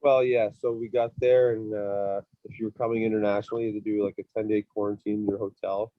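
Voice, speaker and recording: A man with a lowish, fairly even voice gives casual interview answers. He speaks as a hockey player recounting his season, loosely and conversationally, in a very dry recording. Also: fast talker, no room sound, highs cut off. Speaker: professional ice hockey player being interviewed.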